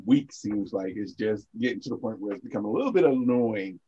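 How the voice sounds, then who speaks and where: Man, husky voice, casual sports chat, rambling storyteller. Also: on the low side, expressive, a little fast, dark tone, dull audio. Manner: laid-back storyteller, rambling with many "like" and "you know". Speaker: podcast co-host.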